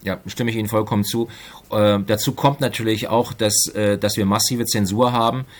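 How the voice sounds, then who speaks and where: A middle-aged man, an economics professor, giving careful analytical answers in an interview, pausing often to find his words. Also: lowish voice, fairly even intonation. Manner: measured, analytical, with frequent hesitations.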